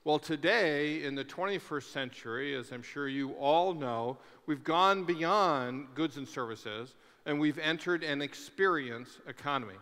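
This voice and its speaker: A man's voice: fairly high pitch, a little slow, hardly any pauses, bright, forceful tone. A middle-aged man giving a conference keynote on a large stage through a headset mic, emphatic and fond of rhetorical questions and repeated lists. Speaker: keynote speaker. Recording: long hall reverb.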